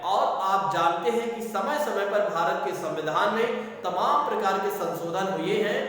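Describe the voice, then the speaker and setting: A man's voice: high-pitched, unhurried, a bit bright, heavy reverb, long reverb tail, recorded from a distance, low-quality recording. A man teaching an exam-prep lesson, who keeps asking rhetorical questions and answering them himself. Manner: repeats points as rhetorical questions.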